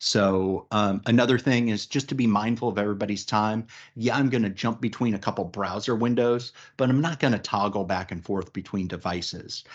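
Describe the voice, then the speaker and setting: A man leading a software webinar, chatty and upbeat, with many fillers and restarts. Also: fairly low pitch, moderate pace, few pauses, dull audio. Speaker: webinar presenter, recruiting practice lead. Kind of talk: casual business webinar presentation.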